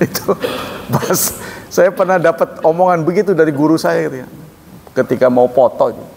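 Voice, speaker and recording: A man giving a religious lecture as a preacher, reciting verses and explaining them, sudden jumps in pitch when he quotes people. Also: fast talker, gravelly, a little mellow. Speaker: Islamic preacher. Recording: reverberant hall, faint noise.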